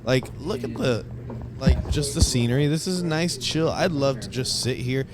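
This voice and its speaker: A man's voice: mid-range voice, animated, normal speed, background noise. A young man narrating his stadium tour video in a casual, enthusiastic, rambling way with lots of fillers. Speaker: vlogger giving a stadium tour.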